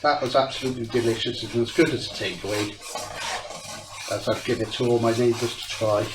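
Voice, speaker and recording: Cooking at home, this Welsh-accented host of a home cooking channel from South Wales talks in a steady, mid-range voice, a little fast. He's congested with a cold, his voice lifts at sentence ends, and the recording is roomy with background noise.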